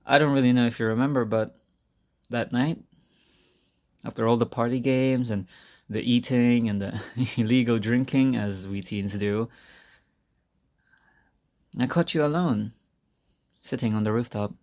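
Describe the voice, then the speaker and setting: A man voices a shy, earnest high school senior in an intimate roleplay monologue, speaking softly and hesitantly to his crush with sighs and small laughs. He's unhurried, pausing often, lightly acted, nostalgic and bashful, on an amateur recording without a proper microphone.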